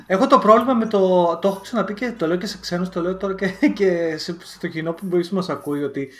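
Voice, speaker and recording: A man from Greece with a Lamia accent, co-hosting a podcast in a relaxed, chatty way with many fillers and restarts. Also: high-pitched. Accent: Greek, from Lamia. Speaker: podcast co-host. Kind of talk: casual chat.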